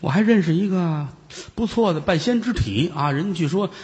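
A loyal head steward speaks plainly and bluntly, quick to doubt a swindler. The male storyteller gives him a steadier, lower voice than the other figures. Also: animated, darkish tone, breathy edge, long reverb tail, exaggerated voice. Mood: cautious.

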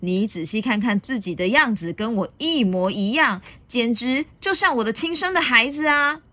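A woman's voice: a little high, lively intonation, normal speed, pushed and bright, no echo, voice pushed up. A woman voicing a big greedy male tyrannosaurus, sly and menacing, with a chuckling manner. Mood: insistent.

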